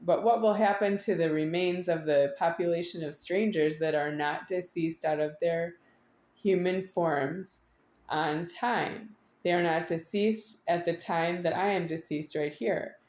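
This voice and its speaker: A woman with a somewhat low, darkish voice gives an unscripted, wandering monologue to an audience in an echoey room. She speaks at a measured pace, her phrasing halting and stretching before circling back in insistent repetition.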